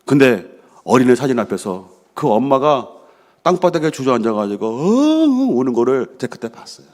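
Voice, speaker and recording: A man's voice: mid-range voice, sing-song, moderate pace, a little mellow. A middle-aged male pastor preaching a sermon, reading scripture and telling personal stories, often asking the congregation questions. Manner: engages the congregation with frequent questions and affirming "yes"; reads scripture aloud, then expounds with personal stories. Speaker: senior pastor.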